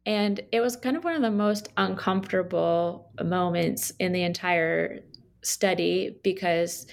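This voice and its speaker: A woman author answering interview questions about her research, explaining in a measured way with occasional ums. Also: lowish voice, creaky.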